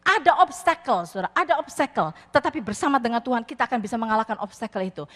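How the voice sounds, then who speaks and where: A woman pastor preaching a sermon, telling a story with animated acted-out voices. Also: a little high, fast. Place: church hall. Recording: long hall reverb.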